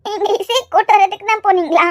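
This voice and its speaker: A woman's voice: very high-pitched, quick pace, no room sound, studio quality. A woman voicing a tearful young bride in a cartoon, pleading her innocence, with a Kanyakumari Tamil accent.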